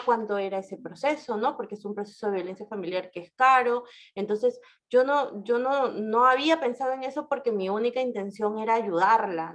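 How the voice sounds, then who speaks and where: A woman lawyer giving a casual talk full of anecdotes. She often ends her sentences with a tag question and shifts her voice when she quotes people. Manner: storytelling with frequent tag questions; animated, shifts pitch for quoted speech.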